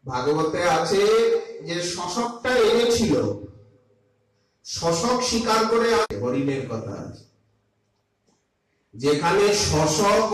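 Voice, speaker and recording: An older man giving a Vaishnava sermon on scripture, slow and emphatic, dropping from loud to soft, sometimes chanting Sanskrit verses. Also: a little high. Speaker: Vaishnava preacher. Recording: echoey hall, voice from a distance, faint hum.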